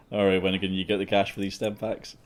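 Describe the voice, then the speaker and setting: Male game master, very low voice, playful storyteller. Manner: amused, often laughing, theatrical rhyming narration. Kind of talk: narrating a tabletop game.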